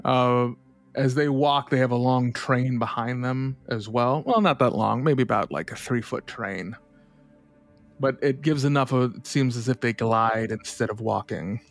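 A man narrating a tabletop game as game master, describing scenes at an unhurried pace with fillers. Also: mid-range voice, faint music behind.

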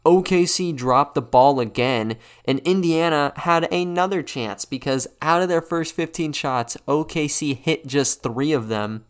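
A man hosting a sports podcast, giving a casual, conversational game recap in a quiet but clear voice. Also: on the high side, a little slow, few pauses. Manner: conversational, loosely unscripted. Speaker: podcast host.

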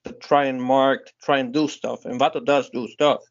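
Guy on a football podcast, laid back and chatty, jumps in a lot, muffled lo-fi sound. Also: medium pitch. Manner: relaxed and chatty, cuts in with quick remarks. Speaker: podcast co-host. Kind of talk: casual football podcast chat. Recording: dull lo-fi audio.

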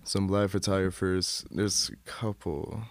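This young man from Michigan, USA, is a guest in a casual interview, rambling along with lots of fillers, restarts and self-corrections. His voice sits low, with a level tone and a measured pace, and there's no echo.

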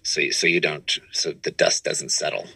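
A bass-voiced improv comedian and producer, guesting on a podcast from his home studio, chats casually and rambles, often restarting his sentences with false starts. He sounds gravelly, husky, bright and forceful, keeping a steady tone at normal speed. The audio is dry and poor.

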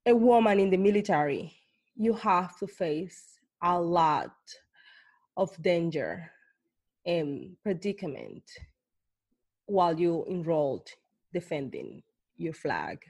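A woman's voice: on the low side, darkish tone, slightly rough. A woman from Colombia, hosting an interview and asking earnest, searching questions with many fillers. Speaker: host. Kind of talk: conversational interview.

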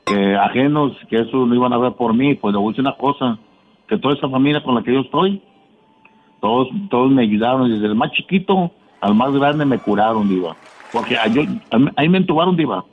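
A man's voice: mid-range voice, lively intonation, brisk, slight background noise. A middle-aged man speaks over a narrow, tinny phone line as a radio caller. He tells his story casually and earnestly, doubling back and repeating words as he goes. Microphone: telephone.

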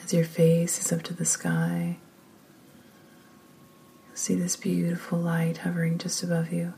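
Woman, guided meditation, whispery, soothing, low flat voice, faint background rumble. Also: vocal fry. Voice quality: soft whispery delivery. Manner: slow, soothing, calm.

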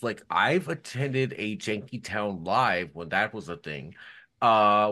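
A man's voice: fairly low pitch, bright, forceful tone. A man on a podcast talking casually and rambling with many fillers. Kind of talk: casual chat.

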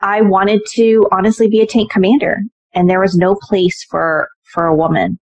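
A woman's voice: mid-range voice, normal speed, no room sound, muffled recording. A woman in her forties, an Army officer, telling stories as an interview guest and acting out quoted dialogue. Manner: animated, acts out quoted dialogue with lively voices. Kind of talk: conversational interview storytelling.

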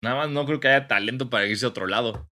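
A man's voice: medium pitch, fast talker, sharp tone. A young Mexican man co-hosting a casual podcast, laid-back and slangy, with a teasing streak. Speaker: podcast co-host. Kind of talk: casual chat.

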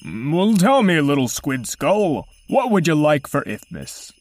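A brusque, bouncy male mammoth Santa, as a woman storyteller puts him on, drawling slowly with lively swings of pitch. The voice is dry and close to the mic. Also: no echo, exaggerated voice. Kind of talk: storybook character voice.

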